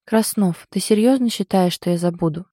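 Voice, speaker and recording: A woman's voice: on the low side, moderate pace, no room sound, studio quality, lightly acted. A woman reading the lines of a stubborn, ironic young wife in an audiobook. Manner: ironic, sulky, sharp.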